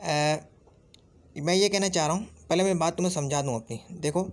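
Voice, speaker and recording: Urdu-accented guy teaching arabic grammar, voice a bit high, keeps drilling each sound again and again. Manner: repeats sounds slowly and drills each letter. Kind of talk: classroom-style grammar lesson.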